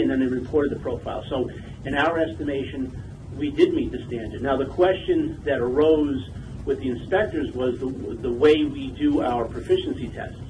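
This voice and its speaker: A man's voice comes through a speakerphone, set well back from the mic with a steady hiss of background noise. He speaks at a middling pitch, measured and methodical, pausing often with small hesitations as he explains. The sound is that of a distant, noisy phone line. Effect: heard over a speakerphone. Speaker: forensic lab representative.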